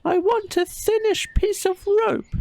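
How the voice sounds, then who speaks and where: A man voicing a small, plucky piglet in a squeaky falsetto for a storybook audio play. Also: fairly even intonation, measured pace, creaky, darkish tone, no room sound, heavily acted.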